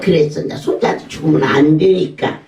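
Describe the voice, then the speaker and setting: A man's voice: on the high side, moderate pace, darkish tone. A male pastor, telling folksy stories in a sermon and mimicking voices. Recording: echoey room, voice from far off.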